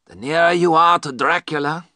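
For an audiobook story, a man voices a grave, learned older professor who hunts vampires, speaking firmly, emphatically and deliberately. His pitch is fairly high and pushed up, with a sharp tone, in clean studio-quality audio with no echo.

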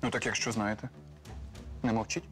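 An actor playing a male detective who questions witnesses quickly and directly. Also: lowish voice, flat delivery, a bit bright, soft background music, natural voice. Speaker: police officer.

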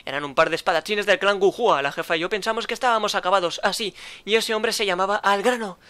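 A man with a Spain Spanish accent voicing a cocky, mocking male treasure thief in a game, with quick banter. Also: high-pitched, pushed and bright, smooth. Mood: teasing.

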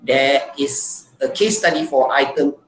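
A man's voice: mid-range voice, fairly even intonation, a little slow, a bit bright. A male university lecturer, explaining slides in an online lecture and often saying "let's say, for example". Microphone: computer mic on a video call. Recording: echoey room with faint hiss.

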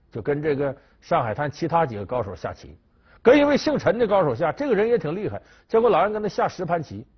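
A man recounting history as a lively storytelling commentator, husky in tone and now and then acting out the quotes. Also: a little high. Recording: dull lo-fi recording.

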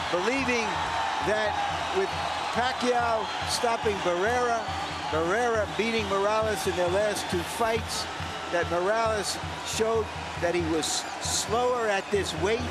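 A man's voice: high-pitched, unhurried. A man giving live boxing commentary for a broadcast. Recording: very noisy arena, loud crowd. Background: loud crowd.

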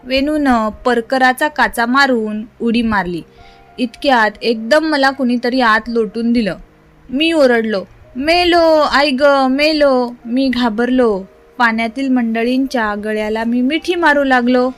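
A woman reads a story aloud in a slow, measured way, with expressive narration. Her voice sits fairly high. Faint music plays behind her. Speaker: reader.

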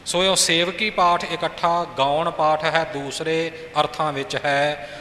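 A man teaching scripture pronunciation, slow and deliberate, half-singing example lines. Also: a little high, steady tone, fairly bright tone. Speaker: recitation teacher. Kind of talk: pronunciation instruction. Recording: echoey room with faint noise.

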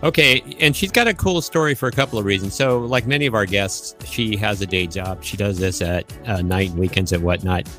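A man's voice: lowish voice, fairly quick, hardly any pauses, fairly bright tone, soft background music. A man hosting a podcast, talking casually and telling stories in an upbeat, chatty way. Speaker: podcast host.

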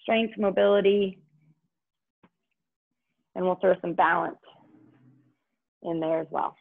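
A woman's voice: fairly low pitch, fairly even intonation, slow pace, gravelly. A woman leading an online workout as an aerobics instructor, giving short, encouraging cues and countdowns in an upbeat way. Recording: muffled, band-limited online stream audio.

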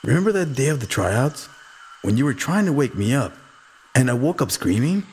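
A man's voice: mid-range voice, big pitch swings, moderate pace, a little mellow, a little hiss or hum, voice pushed up, close to an everyday voice. A man voicing an anxious, troubled young boy who pleads and recounts things in a shaken way. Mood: earnest, shaken.

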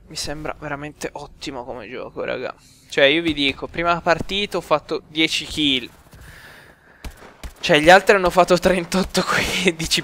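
A young man giving excitable live gameplay commentary, swearing and talking to his viewers. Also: on the high side, a little hiss or hum. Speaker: gaming youtuber.

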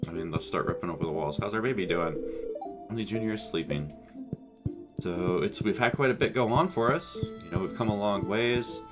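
Congested from a cold, a man in his thirties with a fairly low, fairly quick voice plays a farming game on his headset mic. As a gaming channel host, he keeps up a relaxed, rambling let's-play commentary, thinking out loud while game music plays beneath him.

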